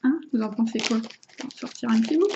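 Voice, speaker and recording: A woman vlogger demonstrates her vaping gear casually, talking to viewers as she handles things and stumbling often over fillers and restarts. Her voice is a little high and a little fast, and the audio is dull with background noise.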